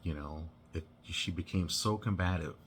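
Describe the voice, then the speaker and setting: A man casually telling a personal story, halting and rambling with many restarts and "you know"s. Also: sits low, slight background noise.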